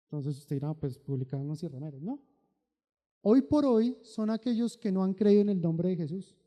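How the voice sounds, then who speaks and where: A Colombian man preaching with a high, mellow, darkly rounded voice. He moves between loud, emphatic calls and quiet storytelling asides. A long reverb from a large church hall trails his words. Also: animated, moderate pace. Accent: Colombian Spanish, Bogotá. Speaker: pastor. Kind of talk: sermon.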